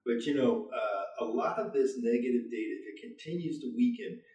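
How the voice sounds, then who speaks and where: A man's voice: medium pitch, animated, brisk, darkish tone, muffled recording. Echoey man chatting casually about markets. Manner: colloquial, punchy, addresses listeners as folks and man. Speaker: podcast co-host. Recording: echoey room, distant from mic.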